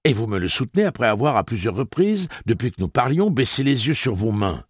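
A man's voice: mid-range voice, sing-song, brisk, husky, no echo, studio quality, pitched above the performer's own voice. A man voicing an earnest young man in an audiobook, who argues his point patiently and insistently. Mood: pressing. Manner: earnest, pressing, argumentative. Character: young man, persistent, reasoning. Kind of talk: audiobook character voice.

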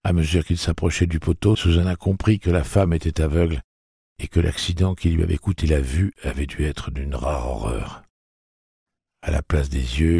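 Deep gravelly male audiobook narrator. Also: darkish tone, no room sound, clean studio sound. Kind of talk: scripted narration of a novel.

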